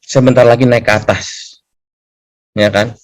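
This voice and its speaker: A young man speaks, telling a personal testimony in plain, everyday speech. He keeps checking in with his listeners by adding a questioning tag, and his voice sits at an ordinary middle pitch for a man. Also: steady tone, unhurried. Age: young adult. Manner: conversational, often adds a questioning tag for agreement.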